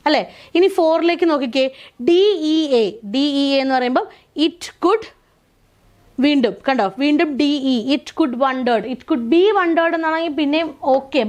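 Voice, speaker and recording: A woman teaching an exam-prep lesson, going step by step and asking the class questions. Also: high voice.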